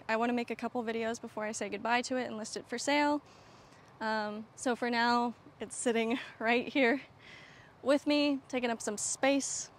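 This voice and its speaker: A young woman with a high-sitting voice chats loosely about her new camper, over slight background noise. Self-deprecating and quick to laugh, she swears offhandedly as she wanders between the trailer and the outdoor land.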